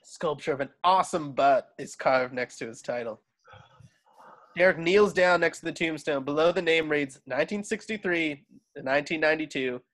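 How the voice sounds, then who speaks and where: Reading stage directions at a relaxed online table read, a man speaks from home over a video call. The audio is poor, and his somewhat bright, highish voice moves at a moderate pace.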